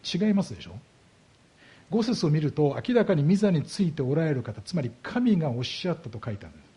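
A man's voice: on the high side, sing-song, mellow, husky. A man preaching a sermon as a pastor, explaining scripture and asking his congregation rhetorical questions. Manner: slows down heavily on key words.

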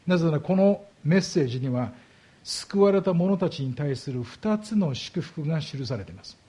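Warm-toned, husky male preacher. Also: on the high side, expressive. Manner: expository preaching, rhetorical questions to the congregation; slows down heavily on key words. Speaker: pastor. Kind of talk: sermon.

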